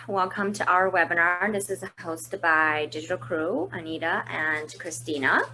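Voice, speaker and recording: Her voice is fairly low yet bright, with a forceful tone, though the audio is poor and there's slight background noise. She's a marketing manager from China hosting a business webinar at home, keeping things easygoing and conversational with many fillers and restarts.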